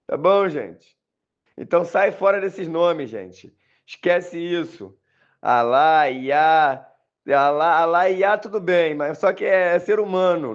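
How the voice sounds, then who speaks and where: A religious commentator with a Brazilian Portuguese accent records a voice message monologue, speaking insistently and repetitively to his listeners. His voice is a little high, and the sound is lo-fi.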